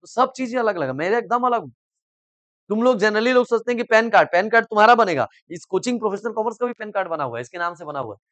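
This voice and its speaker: Here the same kind of classroom lecture comes from a middle-aged man who teaches commerce at a coaching centre; his voice sits high, fairly bright and lively, and he talks fast with no room sound. Using simple Hindi and everyday examples, he repeatedly asks "samajh mein aa raha hai?" and pushes students to respond.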